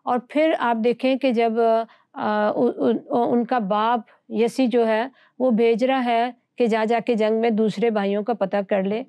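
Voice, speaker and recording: Woman Bible teacher, earnest, rhetorical, highish voice, dry close sound. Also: steady tone, few pauses, dark tone, dry recording.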